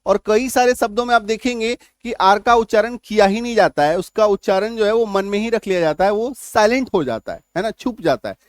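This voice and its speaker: A man's voice: high-pitched, lively intonation, fairly quick, hardly any pauses, dry recording, studio quality. A man giving a spoken lesson as an English teacher, explaining step by step and often checking that the listener follows.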